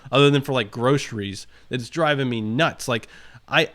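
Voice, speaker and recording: Man co-host, mid pitch, long reflective rambles, casual sports talk, call audio. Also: normal speed, fairly bright tone. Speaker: podcast co-host.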